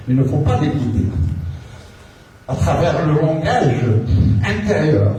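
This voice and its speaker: A man from Algeria delivers a motivational speech in a high voice that swings widely, laughing between phrases. He speaks slowly, in a mellow tone. The sound is roomy and comes from far off in a large hall. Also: slight background noise. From Algeria, Kabylie.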